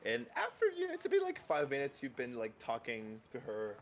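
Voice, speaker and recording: A man's voice: mid-range voice, wildly swooping pitch, normal speed. A man narrating a tabletop game as game master, rambling with many fillers and restarts.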